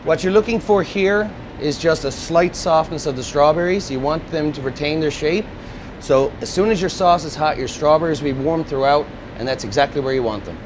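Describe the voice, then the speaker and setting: Male executive chef, slightly high voice, lapel mic in a noisy restaurant kitchen. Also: fairly quick. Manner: steady instructive step-by-step explaining. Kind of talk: cooking demonstration. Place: restaurant kitchen at a gas range.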